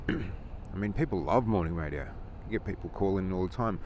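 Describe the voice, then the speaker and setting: A motovlogger rants casually from inside his helmet while riding a motorcycle outdoors, rambling, opinionated, chuckling, and conversational. His low voice is expressive and a little mellow, at a moderate pace. Engine and traffic noise come through the helmet recording.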